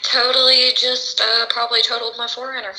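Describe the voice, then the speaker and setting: A woman's voice: fairly high pitch, little pitch movement, a little fast, pushed and bright. A young woman, heard over a phone on speakerphone, talking casually with her father in short bursts. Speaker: daughter calling her father. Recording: roomy speakerphone sound.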